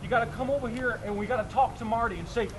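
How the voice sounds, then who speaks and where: With an extremely high, fairly flat voice, this character performer races through his lines as a rambling, chuckling hermit who talks to trees. Crowd noise mixes with outdoor sound and passing traffic as he entertains visitors.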